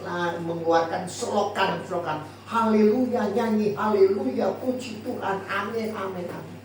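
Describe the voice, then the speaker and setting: A male pastor preaching a sermon to a congregation, lively and jokey, often asking them questions. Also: sits high. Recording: echoey hall from far off, faint noise.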